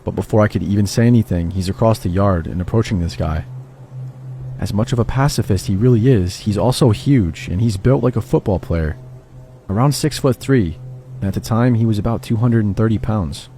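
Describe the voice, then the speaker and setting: Low, dark-voiced male horror narrator. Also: fairly quick, slight background noise. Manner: steady first-person storytelling. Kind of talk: scripted horror story narration.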